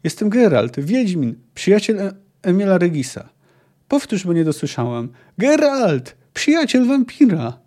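Desperate shouting hunter, voice pushed high, read by a man. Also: very animated, measured pace. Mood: shouting plea. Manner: shouting, pleading.

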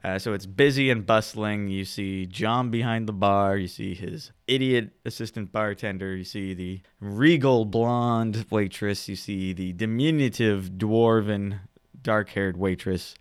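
A man acting as game master, narrating a tabletop role-play game in a relaxed, wry way. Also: lowish voice, a little slow, clean tone, no echo, studio quality.

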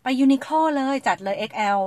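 A woman's voice: high-pitched, animated, dark tone. A woman chatting casually and frankly as a podcast host, swearing freely and acting out what others said. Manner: fast and chatty. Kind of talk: casual chat.

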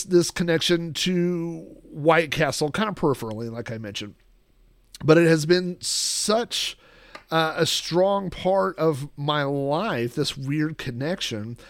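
Middle-aged male host, slightly high voice, rambling and casual, dry close mic. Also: dry recording. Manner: rambling, many ums and restarts. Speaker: podcast host. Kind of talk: casual solo chat.

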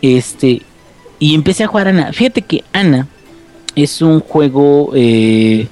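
A man's voice: a little high, slow pace, darkish tone. A man with a Mexican accent telling casual, rambling stories full of slang and swearing. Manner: rambling, slangy, profane, jokey. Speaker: podcast co-host. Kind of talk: casual storytelling chat. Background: background music.

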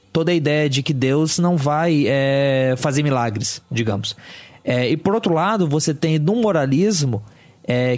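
A man's voice: on the high side, darkish tone. A man in a podcast discussion, thinking aloud with hesitations. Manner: thoughtful, hesitant, many fillers.

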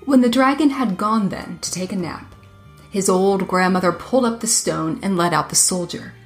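A woman narrating a folk tale in a measured, expressive reading voice. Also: mid-range voice, reverberant, soft background music. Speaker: storyteller. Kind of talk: storybook narration.

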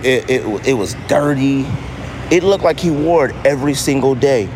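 Animated and speaking at a moderate pace, a medium-pitched American man hosts a casual solo podcast monologue, repeating phrases for emphasis. The setting is a noisy outdoor city street, with traffic, banging and street noise audible.

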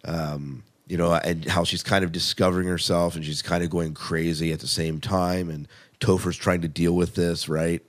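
A podcast host talks about television in a casual, rambling, opinionated review chat. His voice sits low, his tone stays level, and he speaks at a normal speed.

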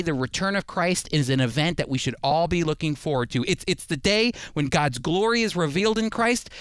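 Speaking into a close studio mic, this radio Bible host delivers a conversational sermon with scripture reading, earnest and emphatic, often repeating phrases. His pitch is fairly high, his tone clean, and the recording dry.

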